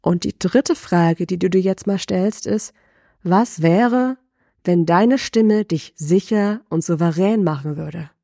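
A middle-aged woman voice coach giving a lesson, asking the listener slow, deliberate reflective questions. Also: on the low side, vocal fry, warm tone, no room sound, studio quality.

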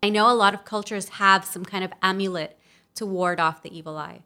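Bright-voiced woman in casual chat. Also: mid-range voice, fairly even intonation, brisk. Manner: conversational, explains and asks follow-up questions. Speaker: podcast co-host.

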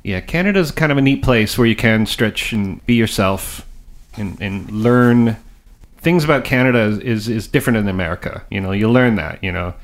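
A man's voice: fairly low pitch, animated, normal speed. Effusive male interview host. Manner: effusive, enthusiastic. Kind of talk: casual interview chat. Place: living room at home.

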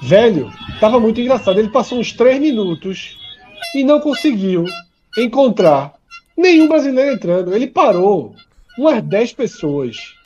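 A man's voice: sits high, sing-song, normal speed, darkish tone, lo-fi sound, soft background music. A Brazilian man in a casual football chat, joking and swearing casually. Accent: Brazilian Portuguese.

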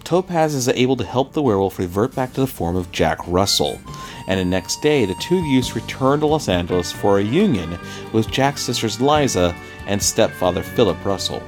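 Over music, a man with a lowish, lively voice speaks at a normal pace as co-host of a comic book podcast. He reads out an issue's credits and plot recap, then chats about it casually, full of fillers and repetitions.

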